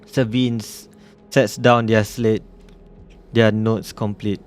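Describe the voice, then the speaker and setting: A man's voice: lowish voice, little pitch movement, slow. A man streaming a game, reading the story text aloud and muttering casual comments to himself.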